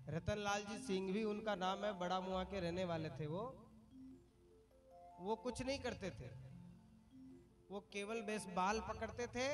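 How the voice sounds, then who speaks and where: A man preaching a devotional story sermon to a gathered audience, often putting questions to the listeners in a chatty storytelling way. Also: high voice. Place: religious gathering before an audience.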